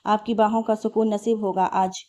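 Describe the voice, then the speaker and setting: A woman voicing a playful, loving young bride in a spoken storybook, teasing and gently scolding in her own warm voice. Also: medium pitch, flat delivery, normal speed, close to an everyday voice. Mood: dreamy.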